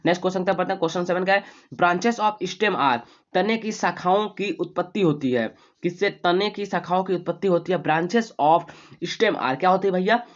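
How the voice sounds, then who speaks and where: Fast-talking male exam tutor, dull audio. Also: high-pitched. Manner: rapid, repetitive, keeps asking and answering his own questions; reads English questions slowly, then explains in Hindi. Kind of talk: fast exam revision lecture.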